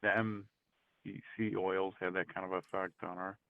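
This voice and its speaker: A man phones in for a casual chat, his low, creaky voice moving at a moderate pace with no room sound. He's hesitant and keeps restarting, though he perks up when something surprises him. The line sounds tinny.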